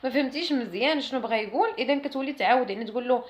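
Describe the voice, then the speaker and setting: A woman with a Moroccan accent teaching French classroom phrases, explaining in Arabic and saying the French phrases slowly and carefully. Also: fairly high pitch.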